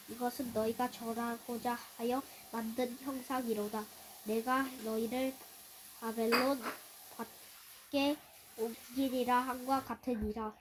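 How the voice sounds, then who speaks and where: Female scripture reader, higher register, even recitation with the odd restart. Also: slight background noise. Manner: steady recitation with small stumbles and restarts. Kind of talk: reading scripture aloud.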